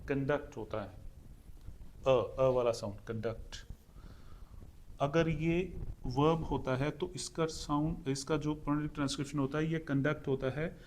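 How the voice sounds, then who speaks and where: Indian guy teaching english exam prep, goes step by step and says things twice, mid-pitched voice. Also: darkish tone. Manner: repeats points, walks through a question step by step. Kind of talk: exam-prep lesson explaining pronunciation.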